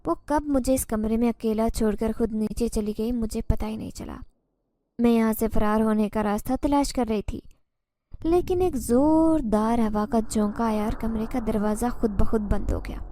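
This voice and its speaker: Female narrator for a spooky first-person story: tense and dramatic, higher pitch, mellow warm tone. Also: no echo.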